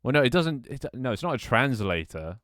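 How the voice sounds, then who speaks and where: A young man streaming a game talks in a mid-range, fairly bright voice at a brisk clip, with big swings in pitch. He rambles casually to viewers and himself as he sets things up, restarting often and laughing. The audio is studio quality with no echo.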